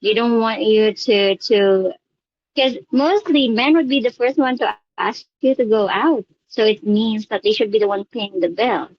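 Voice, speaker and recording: Filipina woman giving thoughtful, halting interview answers, muffled dry recording. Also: mid-range voice, no echo. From Philippines. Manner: hesitant, thinking aloud with fillers.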